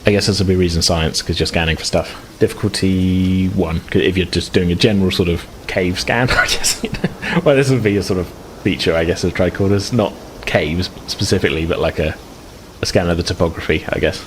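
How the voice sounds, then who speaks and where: A low-voiced man serves as game master for a tabletop game, speaking briskly as he improvises descriptions and frequently fumbles for words. Background noise is clearly audible.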